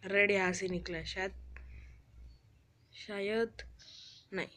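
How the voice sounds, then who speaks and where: A woman's voice: medium pitch, steady tone, slow, bright, forceful tone. A woman giving casual, chatty commentary while playing a video game, whining and pleading in fun. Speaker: gamer.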